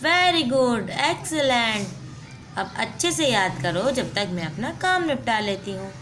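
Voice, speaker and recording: A woman's voice: a little high, big pitch swings, slow pace, a bit bright, faint music behind, heavily acted. A woman voicing a strict young female tutor in a doll play story, firm and scolding. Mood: instructive. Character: strict young female tutor, bossy older sister type.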